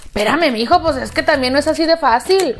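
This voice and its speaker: A woman's voice: sits high, animated, brisk, faint music behind. A young Mexican woman narrating a storytime in a chatty way, with indignant asides to the listener.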